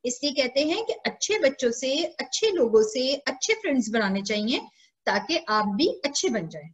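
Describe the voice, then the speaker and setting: A woman's voice: high-pitched, very animated, normal speed. A woman teacher with a Pakistani Urdu accent, telling a story to young pupils over a video call and repeating lines back to them as questions. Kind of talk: online class storytelling.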